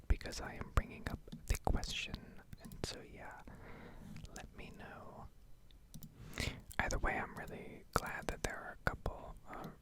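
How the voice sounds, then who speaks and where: A woman who streams ASMR gaming videos whispers and speaks very softly in a hesitant, unhurried ramble. She records in an indoor home setup on a Blue Yeti desktop microphone.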